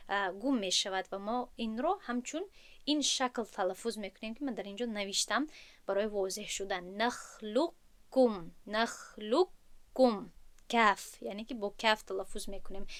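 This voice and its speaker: A woman from Tajikistan with a Tajik Persian accent, teaching a tajwid lesson with patient explanations and slow, drawn-out recited examples. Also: on the high side.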